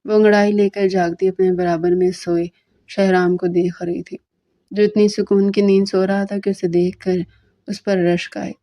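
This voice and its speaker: A woman narrating a romantic novel aloud in a steady storytelling manner. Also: mid-range voice.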